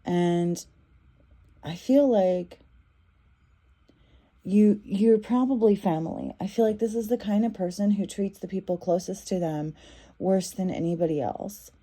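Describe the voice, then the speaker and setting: A woman's voice: mid-range voice, a little slow, pauses often, dark tone. A woman giving a casual tarot reading, talking in a loose, repetitive way with many fillers and restarts. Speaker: tarot reader.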